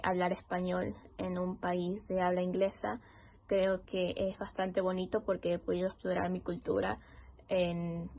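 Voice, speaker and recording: A woman's voice: lowish voice, a little mellow. Reflective Venezuelan woman. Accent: Venezuelan Spanish. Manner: articulate, reflective. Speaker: interviewee. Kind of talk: reflective testimony.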